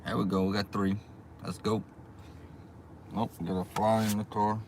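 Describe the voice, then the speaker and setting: Male livestreamer, low-pitched, casual and unhurried chat with viewers, recorded in a car with faint background noise. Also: level tone. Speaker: livestream host, small YouTube channel. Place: inside a car.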